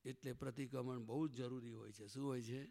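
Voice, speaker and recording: A man's voice: mid-range voice, fairly even intonation, a little fast, gravelly, mellow. A man giving a spiritual sermon to a gathering, often asking the audience questions and pressing them to answer. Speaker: spiritual teacher. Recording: long hall reverb.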